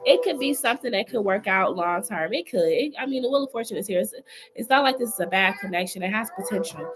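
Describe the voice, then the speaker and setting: A woman's voice: medium pitch, lively intonation, fast, fairly bright tone, poor audio. A woman giving a live-streamed tarot reading, chatty and familiar, calling the viewer girl and honey. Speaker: tarot reader.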